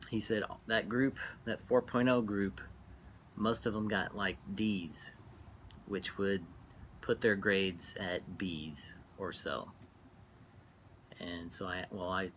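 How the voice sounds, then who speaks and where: A middle-aged man talking casually and reflectively while smoking, halting and trailing off between phrases as he reminisces. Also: lowish voice, steady tone, a bit bright, slight background noise. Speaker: vlogger. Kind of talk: casual rambling monologue, reminiscing.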